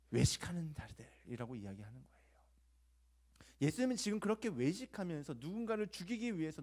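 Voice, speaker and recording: A young man preaching a sermon to teenagers, telling a personal story in a conversational, confessional way, asking rhetorical questions and acting out quoted voices with sudden loud bursts. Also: high-pitched. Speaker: youth pastor.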